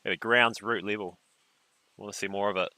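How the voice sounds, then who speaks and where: A man's voice: lowish voice, steady tone, fairly quick, bright, forceful tone, no echo, rough recording. Laid-back man commentating surf heats. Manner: laid-back, joking banter with laughs. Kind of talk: live stream commentary.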